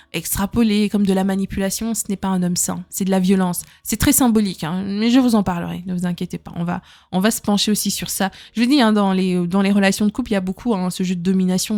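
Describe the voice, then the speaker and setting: A woman's voice: medium pitch, darkish tone. A young adult woman hosting a podcast, giving casual advice to listeners in an emphatic way, often adding "hein" and repeating her words. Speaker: podcast host.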